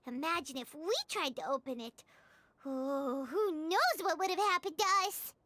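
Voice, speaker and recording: A woman playing a tiny, excitable, childlike fairy companion in a video game, chatty and squeaky. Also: moderate pace, no echo. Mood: chatty, regretful. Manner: exclamatory, chatty, speaks of herself in third person.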